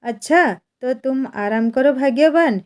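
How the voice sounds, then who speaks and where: A woman's voice: high-pitched, measured pace, darkish tone. A woman voicing a simple, fretful village husband who fusses over his wife and repeats himself when alarmed. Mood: coaxing.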